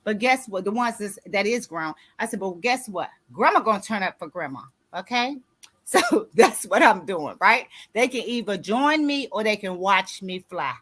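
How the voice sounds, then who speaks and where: A woman's voice: medium pitch, animated, moderate pace, a bit bright. A woman in her sixties, an author and grief coach, giving a motivational talk in a preachy way and often asking "you see what I'm saying?". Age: 60s.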